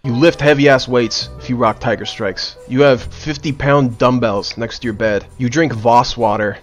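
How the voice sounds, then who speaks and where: A man's voice: medium pitch, steady tone, moderate pace. A young man giving humorous tier-list commentary in blunt, slangy and profane language. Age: young adult. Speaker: video creator rating game skins. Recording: music behind the voice. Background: background music.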